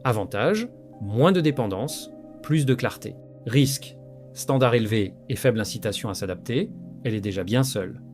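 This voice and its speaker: A man narrates in clipped, terse statements that sound like rules, his pitch moving a lot. Faint guitar plays behind him. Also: expressive, moderate pace, darkish tone. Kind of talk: analytical voice-over. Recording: voice-over with faint guitar music.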